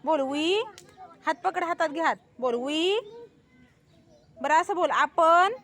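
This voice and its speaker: A woman's voice: high voice, slow. A woman teacher coaxing young pupils with patient questions in a school classroom.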